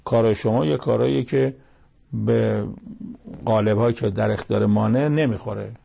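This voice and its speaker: A man's voice: fairly low pitch, vocal fry, dark tone, slight background noise. A man giving short verse-by-verse Quran commentary, telling the scripture story plainly with everyday sayings. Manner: plain storytelling with colloquial asides.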